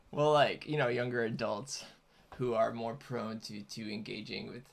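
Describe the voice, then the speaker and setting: Guy with super gravelly fry just rambling casually, kinda hesitant, hosting his own video. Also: mid-range voice, fairly even intonation, a little slow. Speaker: host, content creator. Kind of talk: casual unscripted chat.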